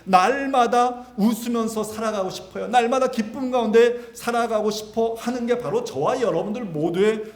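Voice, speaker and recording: A man's voice: extremely high pitch, normal speed, few pauses. A male pastor preaching a sermon with dramatic swings of emphasis, speaking directly to his congregation. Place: church sanctuary. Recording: echoey church sanctuary.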